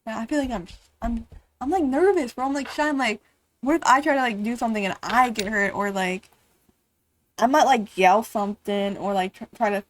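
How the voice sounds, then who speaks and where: A young-sounding woman reacting to videos on her live stream. Her voice sits on the high side. She rambles in loose, casual sentences full of filler words and swearing. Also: a little fast, rough recording. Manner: rambling, heavy "like" and "bro" fillers, frequent swearing.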